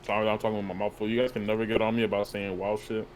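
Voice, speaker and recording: A young man co-hosting a casual chat podcast, quick with blunt, teasing banter. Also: on the low side, little pitch movement. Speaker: podcast co-host. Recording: clear background noise.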